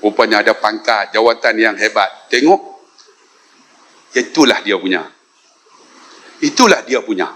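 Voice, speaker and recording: A man's voice: lowish voice, moderate pace, long pauses, a bit bright. A man with a Malaysian Malay accent telling a humorous story at a mosque forum, acting out the dialogue and laughing often. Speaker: religious speaker. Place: mosque forum before an audience.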